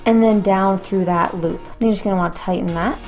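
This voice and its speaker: A woman's voice: medium pitch, steady tone, brisk, a little mellow, soft background music. A woman narrating a craft tutorial as its host, in an informal, conversational way.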